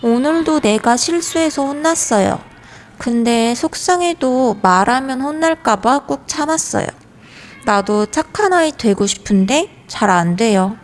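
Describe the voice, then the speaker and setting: A woman's voice: high voice, expressive, a little slow, voice pushed up. A woman doing a whiny, babyish toddler girl. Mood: plaintive. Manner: childish baby talk. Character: whiny three-year-old girl.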